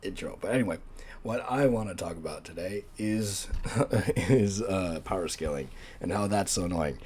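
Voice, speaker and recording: A man's voice: sits low, normal speed, darkish tone, slight background noise. A young man hosting his own vlog, rambling casually with lots of fillers and "right?", sounding tired after a nap. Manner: rambling, many fillers and restarts, asks "right?" often. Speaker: channel host.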